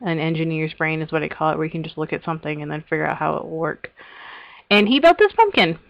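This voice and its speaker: A woman's voice: deep voice, expressive, fast, gravelly, dry recording, muffled recording. A woman casually narrating a tour of her game world, chatty and giggly, often trailing off and restarting her sentences. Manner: chatty, giggly, self-interrupting. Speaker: Minecraft server host giving a tour. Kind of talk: casual rambling vlog narration.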